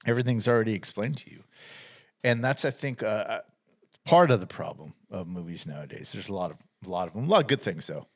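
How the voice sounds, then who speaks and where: A man's voice: fairly low pitch, lively intonation, fast. A man co-hosting a podcast, chatting casually about upcoming movies, rambling with restarts and frequent laughs. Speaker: podcast co-host.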